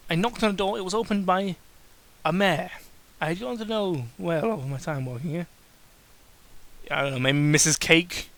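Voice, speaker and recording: In a creaky, fairly bright mid-range voice, a host gives an over-the-top reading of amateur fan fiction. Exasperated and mocking, they fumble the text and break away for snarky asides.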